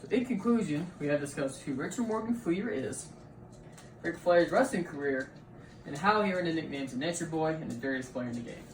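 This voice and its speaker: A young man giving a class presentation speech in a halting way, often repeating words and leaning on "like" as he goes. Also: fairly high pitch. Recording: echoey room, far mic, steady background noise.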